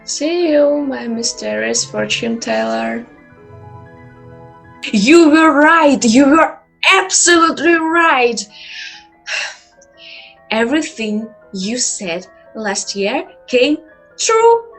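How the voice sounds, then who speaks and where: A woman's voice: sits high, expressive, gravelly, a bit bright, soft background music, exaggerated voice. A woman playing a dramatic, exclamatory client who visits a fortune teller. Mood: pleading. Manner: dramatic, exclamatory, slowly drawn out.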